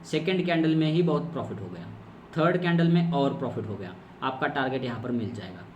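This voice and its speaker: A man's voice: medium pitch, lively intonation, brisk, a little mellow, muffled recording. A man teaching trading strategy on a chart, explaining step by step, repeating key terms and asking himself questions. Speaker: trading course instructor. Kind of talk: screen-recorded chart lesson. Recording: echoey room, distant mic, faint noise.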